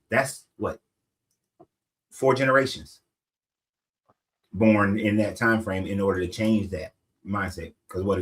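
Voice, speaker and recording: Middle-aged guy with a low voice, talks it through, keeps asking "right?". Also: rough recording. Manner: explanatory, rhetorical asides. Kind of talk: casual discussion.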